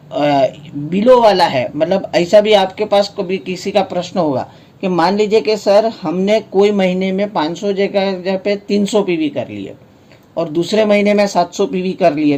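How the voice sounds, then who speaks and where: A man's voice: high-pitched, a little slow, a little mellow. A man with an Indian accent presenting a promotional offer in a casual explainer style, restating points and answering his own questions. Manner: explanatory, repeats and rephrases points, poses questions then answers them.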